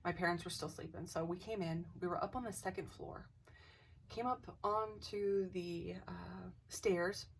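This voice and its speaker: A woman telling a personal ghost story to camera in a casual, animated way, acting out the dialogue and sometimes dropping to a whisper. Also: lowish voice, unhurried, creaky, slight background noise. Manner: animated, acts out quoted dialogue, drops into whispers. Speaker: craft channel host. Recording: voice a bit distant from the mic.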